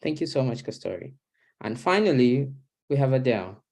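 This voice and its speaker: A young man from Zambia moderating an online panel over a video call from a small kitchen, speaking in a measured, formal way. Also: mid-range voice, big pitch swings, vocal fry, darkish tone. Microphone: laptop webcam video call.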